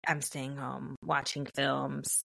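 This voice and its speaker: A woman co-hosting a podcast in casual chat, animated and playful, often laughing. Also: extremely low pitch, slow pace, creaky, no room sound. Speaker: podcast co-host.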